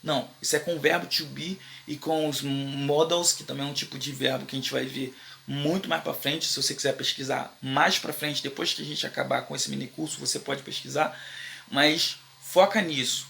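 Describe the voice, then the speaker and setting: Brazilian male online English teacher; casual and slangy, bright gravelly voice, repeats phrases slowly for learners. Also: medium pitch, fairly even intonation, slight background noise. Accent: Brazilian Portuguese. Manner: slow, drawn-out repetition of English phrases for learners; informal, slangy Brazilian Portuguese with frequent "beleza?" check-ins.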